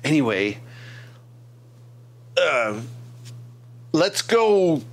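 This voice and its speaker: A man's voice: fairly high pitch, sing-song, extremely slow, slight background noise. Jokey middle-aged man testing an old console. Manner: jokey and self-deprecating, hums tunes and laughs at himself. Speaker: craft and repair YouTuber. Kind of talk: casual vlog narration. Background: retro video game music.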